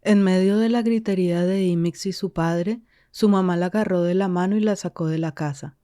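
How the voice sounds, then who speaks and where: A woman reading scripted podcast narration in a measured, calm way. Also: fairly low pitch, dry recording, soft background music.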